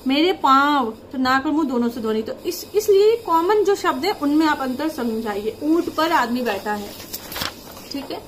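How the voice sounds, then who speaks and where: A woman teaching a lesson, reading example words slowly and explaining how to teach them to children. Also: sits high, animated, slight background noise, rough recording. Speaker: teacher presenting a worksheet lesson.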